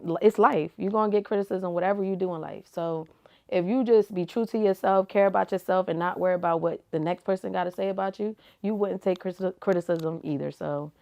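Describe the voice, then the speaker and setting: A woman's voice: fairly low pitch, brisk, gravelly, darkish tone. A young woman giving casual, slangy answers as an interview guest, laid-back and full of "like" and "you feel me". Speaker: rapper and reality TV personality, guest.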